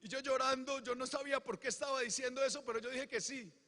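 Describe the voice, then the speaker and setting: High, bright-voiced preacher in a hall. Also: male voice, steady tone, fast. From Colombia. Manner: impassioned, swinging from hushed storytelling to shouted proclamation. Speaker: pastor. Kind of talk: preaching a personal testimony. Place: church hall. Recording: long reverb of a large church hall.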